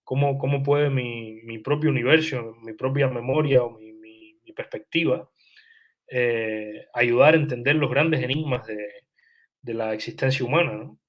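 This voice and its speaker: A man's voice: medium pitch, moderate pace. Hesitant, thoughtful man. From Cuba. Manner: thoughtful, hesitant, many restarts and "eh" fillers. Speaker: writer, interview guest. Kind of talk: reflective interview answers.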